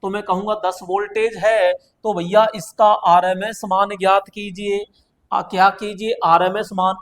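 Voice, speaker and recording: Man with a high voice as a coaching teacher. Exam-prep lecture, chatty, repeats himself. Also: flat delivery, unhurried, fairly bright tone. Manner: chatty, asks students questions and answers them himself; repeats phrases for emphasis.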